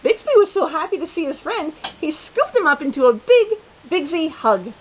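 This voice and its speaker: With a very high-pitched voice at a moderate pace, a woman leads a children's story session, performing a picture book with lively fun and frequent friendly remarks to the kids listening. There's slight background noise.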